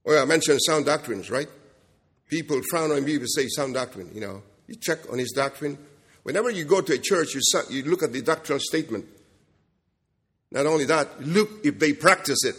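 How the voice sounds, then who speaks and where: Guy preaching a bible sermon, kinda husky, repeats stuff for emphasis, long echo like a big hall. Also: on the high side, expressive, fairly quick, a bit bright. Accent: non-standard accent, self-described jokingly as Kentucky. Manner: emphatic, repeats phrases, checks in with rhetorical questions. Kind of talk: expository sermon. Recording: echoey hall with long reverb.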